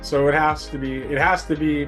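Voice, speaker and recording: A man with a fairly high voice speaks in halting bursts, restarting as his thoughts tangle. Faint music sits in the background. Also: flat delivery. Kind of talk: casual philosophical discussion.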